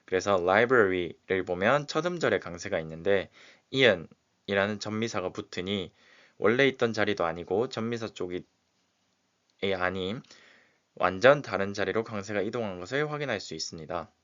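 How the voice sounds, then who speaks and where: A man teaching, who slowly and methodically explains exam questions one example at a time. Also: lowish voice, animated, a bit bright. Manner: slow and methodical, walking through examples step by step. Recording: dull, lo-fi recording.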